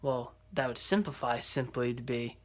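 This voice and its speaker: A man's voice: mid-range voice, fairly even intonation, normal speed. A man teaching an algebra lesson, explaining step by step and checking in with rhetorical questions. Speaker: math teacher.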